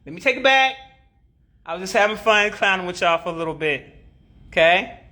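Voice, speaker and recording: Answering comments during a casual livestream, a brash spiritual teacher jokes, swears and stays animated, laughing a lot and repeating lines several times before continuing. Her voice sits on the low side yet sounds bright and sharp with a tense edge, and she speaks briskly.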